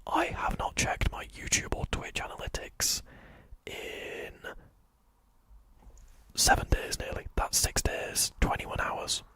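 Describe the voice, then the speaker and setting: A man takes it slowly, his whisper pushed and bright, as he playfully addresses ASMR livestream viewers into a fluffy microphone. He repeats greetings and jokes around.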